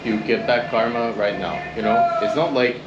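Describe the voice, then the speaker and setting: A man's voice: medium pitch, brisk, roomy sound, dull audio, heavy background noise. A young man from Turkey who makes vlogs, chatting casually and filling his talk with "like" and "you know.". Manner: easygoing, fills with "like" and "you know". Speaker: vlogger. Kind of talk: casual chat.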